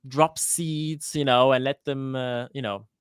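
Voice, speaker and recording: A man's voice: medium pitch, fairly even intonation, unhurried, clean tone, no room sound, clean studio sound. A man in his thirties from Denmark, a guest on a live-streamed interview, talking hesitantly with many restarts. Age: 30s.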